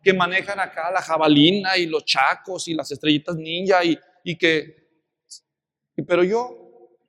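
Man, Mexican accent, sermon, high voice, long reverberant hall. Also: unhurried. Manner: lively storytelling with rhetorical questions. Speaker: preacher. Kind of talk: expository sermon.

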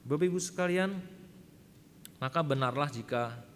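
A man's voice: on the high side, moderate pace, long reverb tail, slight background noise. A man preaching a sermon, emphatic and often addressing the congregation directly, telling a story. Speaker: pastor. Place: church hall.

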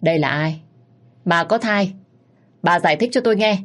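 A woman's voice: lowish voice, normal speed, close to an everyday voice. Woman voicing a furious protective mother. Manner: shouting, scolding.

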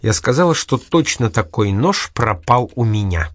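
A man reading aloud and voicing a sly, stubborn young woman, raising his pitch in a coaxing, teasing manner. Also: expressive, normal speed, no room sound, clean studio sound, lightly acted.

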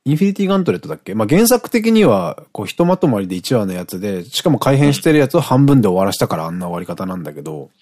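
Husky, lively middle-aged man chatting. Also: fairly low pitch, rapid-fire, few pauses. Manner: chatty, laughs often, rambling asides. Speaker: radio show co-host. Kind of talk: casual radio chat.

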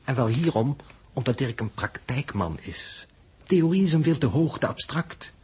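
A male actor with a medium-pitched, expressive, natural voice speaks at a moderate pace as a fatalistic, erudite mathematician on a spaceship in a Dutch radio drama from the 1960s. He lectures pedantically in formal phrasing, his mood probing and suspicious, over a noisy background.

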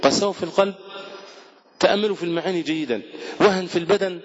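A man's voice: high voice, racing. A man with an Egyptian Arabic accent giving a fervent Ramadan sermon as a sheikh, repeating words for emphasis. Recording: dull lo-fi recording.

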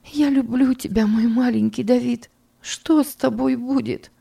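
A woman's voice: fairly high pitch, steady tone, unhurried, gravelly, mellow, slightly rough, voice pushed up, full character voice. A woman reading an audiobook, voicing a grieving young mother who pleads through tears. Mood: tearful pleading. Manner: pleading, breaking voice. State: crying. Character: young mother in deep grief, sobbing.

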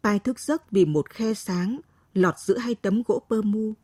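A woman narrates a story slowly, her husky voice dark and mellow. Her pitch rises and falls with feeling. The recording is dry and close, with no room sound. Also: no room sound. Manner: slow, expressive storytelling. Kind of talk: scripted narration.

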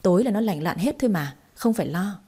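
A woman's voice: medium pitch, animated, fast talker, dark tone, breathy edge. A woman voicing a boastful, cheeky young female fortune-teller in a storybook reading, with brash, chattering speech. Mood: instructive. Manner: brash, chattering, self-mocking.

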